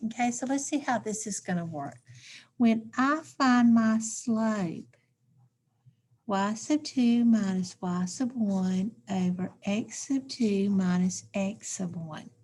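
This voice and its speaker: A woman's voice: mid-range voice, slow, darkish tone. A woman teacher, walking through math steps aloud in a recorded lesson and checking in with "okay?".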